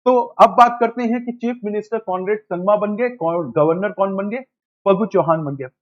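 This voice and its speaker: High-voiced man quizzing exam students. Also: moderate pace, highs cut off. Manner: quizzing, repeats answers back to himself; addresses students as "beta". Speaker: exam coaching teacher. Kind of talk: classroom lecture for exam prep.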